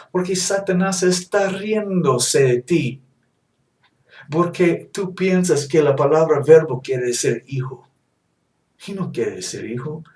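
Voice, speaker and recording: Slow, emphatic preacher. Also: male voice, medium pitch, a little mellow. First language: English. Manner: emphatic and insistent, repeats key points. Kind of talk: Bible teaching sermon. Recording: roomy echo, mic at a distance.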